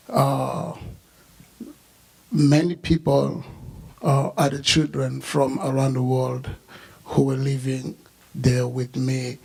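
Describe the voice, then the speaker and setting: Young Congolese-born man, slow and gravelly, halting memorial speech. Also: medium pitch, poor audio. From Democratic Republic of the Congo. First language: not English. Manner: halting, many "uh" fillers. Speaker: memorial speaker. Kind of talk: personal remembrance speech. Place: memorial service hall.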